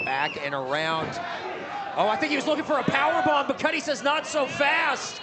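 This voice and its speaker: A man commentating on wrestling in an excitable, exclamatory way. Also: very high-pitched, fairly quick. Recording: very noisy, loud crowd. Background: loud crowd.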